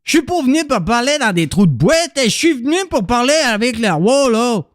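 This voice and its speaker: Man playing a Québécois explorer, blunt, slangy, high-pitched, dry sound. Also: very animated, a little fast, dry recording. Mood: irritated. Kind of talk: comedic radio play.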